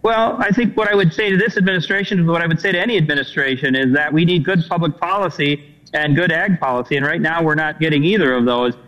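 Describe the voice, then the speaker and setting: A man's voice: on the high side, fast. A dairy farmer from Wisconsin, a man, talking folksy and plain in a remote news interview over a poor rural internet connection. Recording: dull lo-fi remote call audio.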